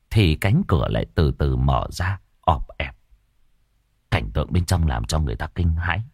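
A man narrating a horror story in a low, measured storytelling voice. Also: a little mellow, husky, dry recording, studio quality.

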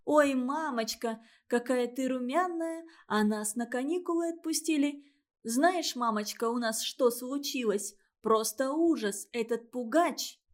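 Voicing a spoiled little girl from a storybook, a woman chatters nonstop in a high, ringing voice, sly and quick-tongued as she wheedles and lies.

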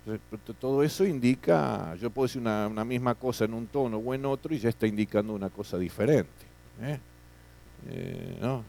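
A man's voice: mid-range voice, brisk, vocal fry, warm tone. Man lecturing a class, tag questions. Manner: frequent tag questions, repeats words. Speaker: teacher.

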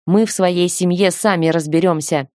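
A woman's voice: fairly low pitch, fairly even intonation, moderate pace, a little mellow, dry recording, clean studio sound, lightly acted. A woman voicing an exasperated young man who snaps curt orders, in an audiobook reading. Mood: fed up. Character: young man, the fiancé, blunt and fed up.

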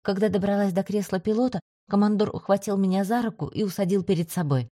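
Brief: woman audiobook narrator, steady first-person read, mellow tone, dry close sound. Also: medium pitch, fast, no echo.

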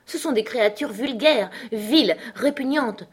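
A woman's voice: high-pitched, normal speed, husky, voice pushed up. A woman voicing a small, furious mouse with a piercing, indignant voice. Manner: indignant, scolding. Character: furious shrill cat-hating mouse.

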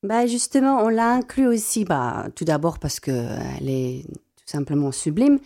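Answering questions in a radio interview, a young South African woman, a classical singer whose first language is Afrikaans, speaks haltingly and repeats many words. Her low, dark voice is animated.

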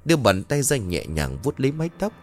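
Expressive male storyteller. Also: mid-range voice, a little fast, soft background music. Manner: expressive, lively delivery. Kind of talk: dramatic ghost-story narration.

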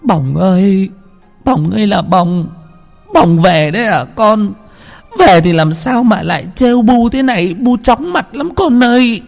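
A man voicing a panicked, sobbing peasant mother who wails in a high falsetto. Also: expressive, measured pace, creaky, soft background music, heavily acted. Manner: wailing, crying out in high falsetto.

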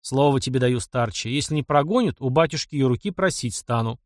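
A man's voice: medium pitch, animated, brisk, no room sound, studio quality, natural voice. A man voicing a blunt, earnest young male engineer who speaks plainly and directly.

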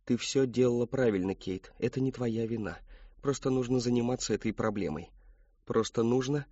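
A man voicing a hushed, cold, insistent voice inside a mother's head, in a slightly muffled audiobook. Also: medium pitch, moderate pace, no room sound, close to an everyday voice.

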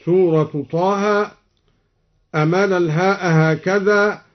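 Brief: male recitation teacher, high voice, slow and measured, chants verse examples, lo-fi radio sound. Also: steady tone. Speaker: Quran recitation teacher introducing the program. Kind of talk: radio lesson explaining recitation variants. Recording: lo-fi archival radio recording.

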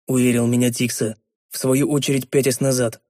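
A man narrating a fantasy story in a measured, even read. Mid-pitched voice, recorded dry and close. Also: no echo. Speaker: audiobook reader. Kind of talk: scripted narration.

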